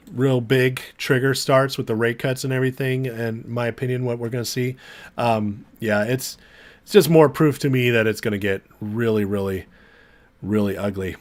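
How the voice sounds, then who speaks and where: Still getting over being sick, this American livestream host speaks at a medium pitch and an unhurried pace, his voice beginning to fail. He keeps things informal and friendly, talking with viewers and reading their comments.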